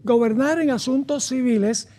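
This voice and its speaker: A man's voice: very high-pitched, dark tone. A male pastor preaching a sermon, reading Bible verses aloud and stopping to comment and ask the listeners questions. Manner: reads scripture aloud and pauses to comment, asks the audience questions.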